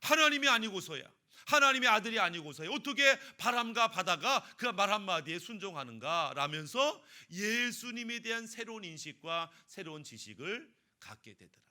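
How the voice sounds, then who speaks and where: A man's voice: sits high, very animated, moderate pace, few pauses, bright, forceful tone. A male pastor preaching a sermon with emphatic rhetorical questions and anecdotes.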